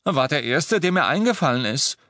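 A man's voice: fairly high pitch, sing-song, normal speed, sharp tone, no echo, voice pushed up. A man voicing a young wizard who pleads and defends himself. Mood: defensive.

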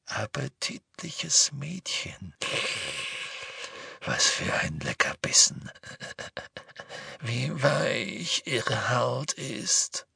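A man voicing a savage male werewolf who gloats over his captives, speaking slowly in a rasping, half-whispered growl. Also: medium pitch, very animated, bright, forceful tone, no room sound, studio quality, heavily acted. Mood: menacing. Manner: slow, menacing, relishing cruelty. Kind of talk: audiobook character voice.

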